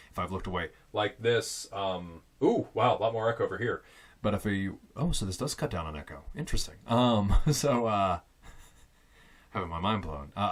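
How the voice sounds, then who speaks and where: A young man with a lowish voice rambles loudly and casually into a fixed condenser mic on a stand, testing a home studio set up in a small closet lined with foam. He keeps restarting, dropping fillers and cracking himself up with asides.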